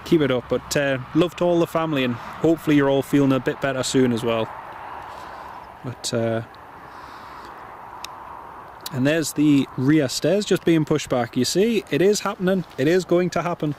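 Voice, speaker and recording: A man with a Northumbrian accent close to Geordie, chatting casually and warmly to viewers as a live planespotting streamer, often repeating his phrases. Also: on the high side, moderate pace, slight background noise. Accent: Northumbrian, near Geordie. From North East England. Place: outdoors by an airport runway.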